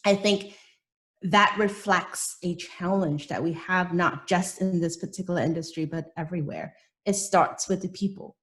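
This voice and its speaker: This webinar panelist is a middle-aged woman from Hong Kong whose slight British accent comes through on the video call. Her fairly low voice has a fairly bright tone and moderate pace, and she restarts sentences while posing rhetorical questions to reflect.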